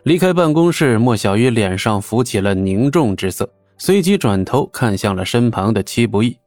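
A man reads a serial novel in a steady, even storytelling voice at a middle pitch. The sound is dry and close, with faint music underneath. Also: normal speed, no echo. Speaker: narrator. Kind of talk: audiobook narration.

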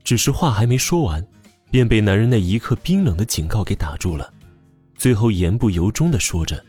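A man narrates a romance audiobook with a low, slightly husky voice. His pitch moves widely as he tells the story, giving it a lively, expressive lilt. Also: brisk, soft background music.

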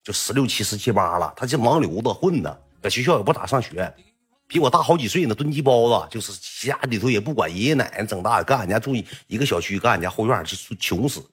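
Fast, husky storyteller. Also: male voice, on the low side. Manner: animated, colloquial, rambling. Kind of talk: comic personal storytelling.

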